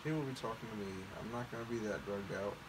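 A man's voice: lowish voice, fast. A young man chatting casually in bed, groggy and drugged-sounding after anesthesia, cocky and profane. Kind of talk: casual chat. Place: lying in bed in a bedroom. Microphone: phone camera at a short distance. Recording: noisy phone video in bedroom.

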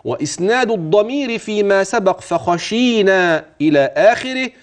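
High, lively Egyptian man teaching recitation. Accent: Egyptian Arabic. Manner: slow, drawn-out melodic recitation alternating with quick, chatty colloquial explanation; coaches an imagined student, asking and answering his own questions. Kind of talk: tajweed lesson for a religious TV channel.

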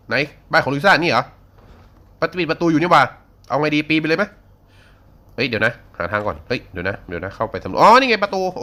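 A man giving excitable, casually profane let's-play commentary to himself as he plays. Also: on the high side. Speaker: game streamer.

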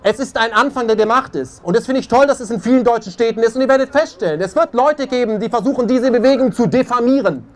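At an outdoor peace rally with faint crowd noise, a man gives an impassioned protest speech in a very high-pitched voice, fast and with few pauses. He's emphatic and keeps tagging "ja?" onto his lines.

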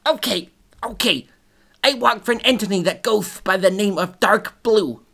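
A man's voice: very high voice, unhurried, bright, forceful tone, pitched above the performer's own voice, heavily acted. A woman voicing a male shark demon thug who drawls and taunts in a put-on accent. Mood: nervous bragging.

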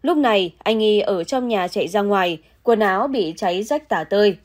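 Woman reading a news report, measured. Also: mid-range voice, lively intonation, darkish tone. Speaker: news narrator. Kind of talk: scripted news narration.

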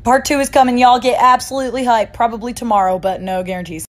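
Fast-talking goofy young woman. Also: a little high. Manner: goofy, slangy, deadpan asides. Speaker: comedic storyteller. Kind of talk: comic slang storytelling.

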